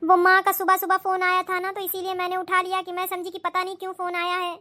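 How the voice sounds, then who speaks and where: A polite young daughter-in-law from a cartoon, pleading softly with her family, as a woman voices her. Her voice sits very high and sounds bright and crisp. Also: monotone, fast talker. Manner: polite, pleading, soft-spoken. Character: young Indian wife, pleading and dutiful. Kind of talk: cartoon voice acting.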